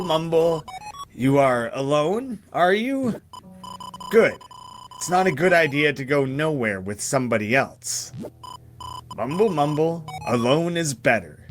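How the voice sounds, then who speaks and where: Man voicing a book wizard, old, male, cryptic, mumbling, slow, soft faint music behind. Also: a little high, very animated. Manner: mutters "mumble, mumble" between riddling remarks.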